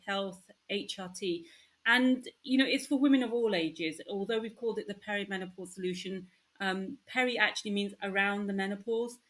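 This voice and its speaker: A woman's voice: mid-range voice, fairly bright tone. A woman doctor who is a podcast guest, explaining in an earnest way with small fillers. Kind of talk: interview answers.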